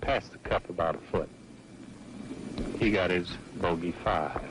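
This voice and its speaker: A man's voice: sits low, a little slow. A man giving golf commentary on a televised match in a folksy play-by-play manner. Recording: noisy old broadcast audio.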